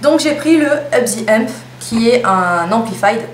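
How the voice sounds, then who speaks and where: A woman's voice: fairly high pitch, animated, unhurried. A young woman chatting casually through a lipstick haul, with playful self-mocking asides. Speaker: beauty vlogger. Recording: echoey room with faint hum.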